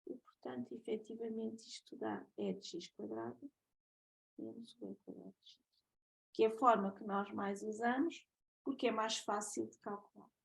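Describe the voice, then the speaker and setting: A woman lecturer with a European Portuguese accent works through a math lesson, methodical and checking in with her students often. Her voice is husky with a gravelly creak. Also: fairly high pitch, moderate pace, rough recording.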